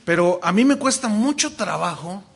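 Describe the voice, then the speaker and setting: A man with a Mexican accent, a pastor teaching a lesson on preaching in a lively, joking way with many restarts. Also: sits high, normal speed, creaky, slightly rough. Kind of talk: sermon-style lesson.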